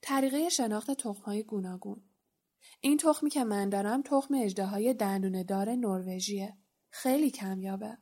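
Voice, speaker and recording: A woman's voice: mid-range voice, mellow, lightly acted. Storybook: woman reading as a big cagey gamekeeper who rambles and boasts, only lightly voiced. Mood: boastful. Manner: chatty, rambling.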